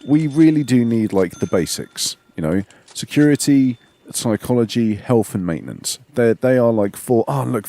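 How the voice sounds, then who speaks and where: A man's voice: on the low side, mellow, dry recording. A man with a sore throat giving rambling, casual gameplay commentary as a let's play host, repeating words and tagging lines with "okay?".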